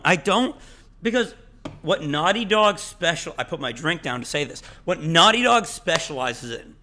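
Man, podcast co-host, casual chat, bright tense voice, opinionated, voice cracking. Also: fairly high pitch, a little hiss or hum. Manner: animated, opinionated, swears freely.

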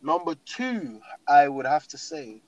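A man's voice: fairly high pitch, very animated, measured pace, dry recording, rough recording. A young man with a London roadman accent and slang, chatting casually and emphatically, often repeating his phrases. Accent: London, urban roadman slang style. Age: young adult. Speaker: guest talking through favourite games. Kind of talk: casual chat.

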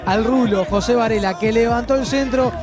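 A man with a Uruguayan accent giving excited football replay commentary in long, loud descriptive sentences. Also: very high voice, fairly quick. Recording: music and crowd behind broadcast.

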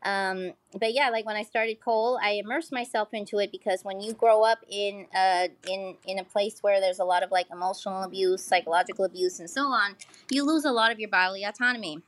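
A pole dancer from the United States appears on a podcast, answering candidly and casually with plenty of profanity and frequent "like"s. She talks a little fast at medium pitch, recorded dry.

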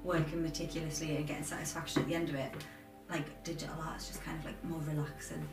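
Casual interview guest: woman, 20s, Durham accent, slightly low voice, roomy distant recording over clear music. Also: level tone, fast. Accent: Durham, north-east English. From Durham, England. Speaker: interview guest, aspiring film and TV editor.

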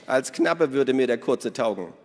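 A man's voice: mid-range voice, lively intonation, unhurried, voice pushed up. A man voicing a boisterous, greedy middle-aged woman in a read-aloud storybook, teasing and cackling as she talks. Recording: long hall reverb.

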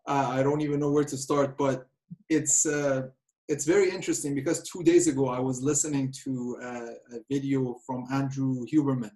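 A man's voice: medium pitch, steady tone, moderate pace, mellow. A man hosting an interview, chatting casually and stumbling as he starts his sentences. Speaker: interview host.

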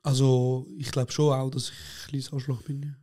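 A man's voice: mid-range voice, level tone, normal speed, mellow. Playful, provocative man co-hosting. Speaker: podcast co-host. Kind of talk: casual chat.

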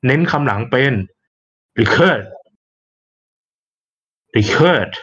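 A man's voice: medium pitch, expressive, fast, fairly bright tone, dull audio. Patient male explainer. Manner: clear and patient, spells out the pronunciation. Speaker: explainer giving the answer. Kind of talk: explanatory narration.

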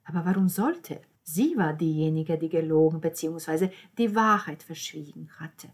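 A woman reading a novel aloud as narrator, lifting her voice for the dialogue and dropping to a hushed tone in the narration. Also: low-pitched, lively intonation, moderate pace. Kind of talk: audiobook narration.

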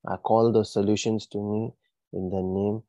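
A man's voice: fairly low pitch, level tone, moderate pace, no room sound. Man commanding a fiery deliverance prayer. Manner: forceful commanding declarations with rising bursts. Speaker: prayer leader.

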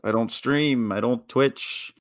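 Dry, self-mocking podcast co-host, man, middle pitch, close sound. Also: slow, dry recording. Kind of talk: casual chat among friends.

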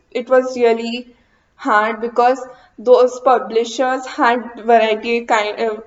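A young woman hosting her own podcast, talking casually with many fillers, restarts and hesitations. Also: on the high side. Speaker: podcast host. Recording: dull lo-fi recording.

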